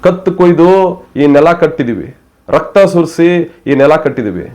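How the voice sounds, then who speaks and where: A man's voice: a little high, expressive, measured pace, a little mellow. A man delivering impassioned political commentary, scolding his listeners with fiery rhetorical questions. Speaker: news commentator.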